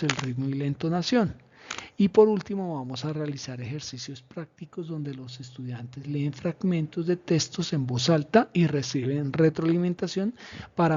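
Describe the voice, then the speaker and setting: Hombre de voz apagada y ronca. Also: male voice, on the high side, darkish tone, slightly rough. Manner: measured, explanatory, with pauses and fillers. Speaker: teacher presenting a lesson plan. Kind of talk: slide presentation. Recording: dull lo-fi recording.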